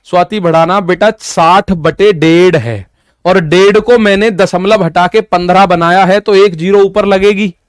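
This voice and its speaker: A man's voice: high-pitched, steady tone, unhurried, clear, resonant tone, dry recording, studio quality. A male maths teacher giving an exam-prep lesson, explaining step by step, repeating key points and talking directly to his students.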